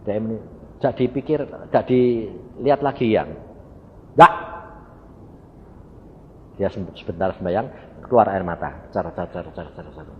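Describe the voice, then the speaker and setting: A man's voice: lowish voice, measured pace, long pauses. A middle-aged man preaching a storytelling sermon, acting out dialogue and addressing the congregation directly. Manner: storytelling, acts out dialogue, addresses audience as brothers. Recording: dull reverberant hall recording.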